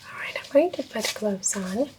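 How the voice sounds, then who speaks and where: A woman whispering softly as a clinician in a roleplay, calmly giving gentle step-by-step instructions during a check-up. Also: medium pitch, moderate pace, rough recording. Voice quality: soft whisper. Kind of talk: ASMR medical exam roleplay.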